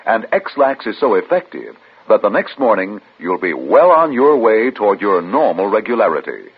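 A man pitches in chipper 1950s radio ad style. His voice is very husky and lively in its rise and fall. The old broadcast sounds dull. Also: normal speed. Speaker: commercial announcer.

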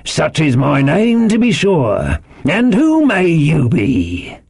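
A bold, husky seafaring landlord, acted out by a male audiobook reader, hearty one moment and stern the next. He draws out his words loudly and emphatically, with gravel in the throat and big swings of pitch. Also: wildly swooping pitch, dry recording, studio quality, heavily acted. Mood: genial. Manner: loud, emphatic, drawn-out old sailor's speech. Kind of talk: audiobook character voice.

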